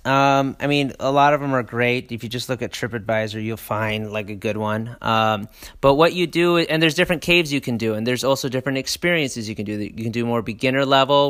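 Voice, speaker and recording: A man's voice: medium pitch, a bit bright, smooth. A man chatting casually and enthusiastically about a trip, rambling with fillers and restarts. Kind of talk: casual travel chat.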